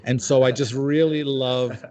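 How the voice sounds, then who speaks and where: A man's voice: medium pitch, fairly even intonation, unhurried, darkish tone. A man in his forties from Jordan, a comedian telling wry, dry stories in casual chat. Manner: dry, wry storytelling with filler-laden asides. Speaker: comedian and panel guest.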